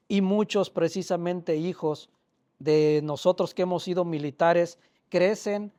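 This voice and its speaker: Older man, slightly high voice, author sharing heartfelt stories with a live audience. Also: darkish tone. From Mexico. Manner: emotional, plainspoken storytelling with quoted dialogue. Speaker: author presenting his book. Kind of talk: personal storytelling to an audience. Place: public library hall.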